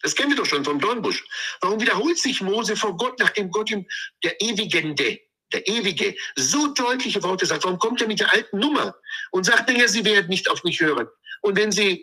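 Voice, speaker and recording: A man's voice: high voice, bright, forceful tone, breathy edge, rough recording. A man giving an emphatic, sermon-like Torah commentary, drawing words out and repeating phrases for stress. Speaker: Torah teacher.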